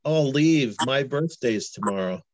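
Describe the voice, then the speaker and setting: A man's voice: medium pitch, expressive, a little slow. A sixty-year-old man joking offhandedly on a video call. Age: 60s. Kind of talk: casual video call chat. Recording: dull lo-fi call audio.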